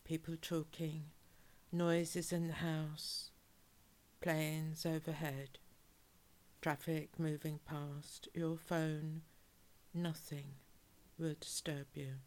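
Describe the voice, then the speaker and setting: A woman guiding a relaxation hypnosis in a calm, measured, soothing way, with soft, breathy phrase endings. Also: low voice. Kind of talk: guided relaxation hypnosis, soothing scripted narration.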